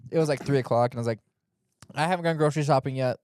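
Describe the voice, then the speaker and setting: A young man co-hosting a casual chat, telling a lively story and mimicking other voices. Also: medium pitch, racing, clear, resonant tone, no echo, clean studio sound. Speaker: podcast co-host.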